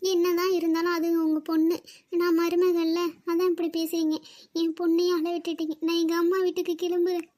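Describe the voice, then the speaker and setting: An offended daughter-in-law, voiced by a woman, complains fast and sharply in a high voice. She sounds indignant and quick to take offense. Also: no room sound, clean studio sound. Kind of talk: family skit acting.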